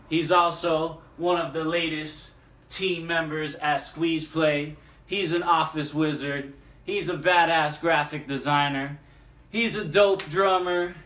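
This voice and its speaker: Chill slow-talking host guy, bright punchy tone, far off mic in an echoey room. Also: on the high side. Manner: laid-back slang, slow delivery, laughs often. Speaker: show host. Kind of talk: casual hip-hop chat. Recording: roomy far-off mic with faint noise.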